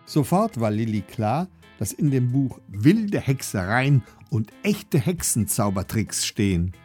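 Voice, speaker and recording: A man narrating a children's story in a playful, dramatic storytelling manner with sudden slowdowns. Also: medium pitch, sing-song, darkish tone, husky, soft background music. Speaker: audiobook narrator.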